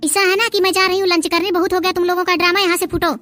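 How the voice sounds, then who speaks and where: A woman's voice: very high-pitched, flat delivery, very fast, sharp tone, soft background music. Woman doing a snappy young cartoon shopkeeper. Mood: impatient. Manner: curt, mocking, standard Hindi speech. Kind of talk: cartoon dub voice acting.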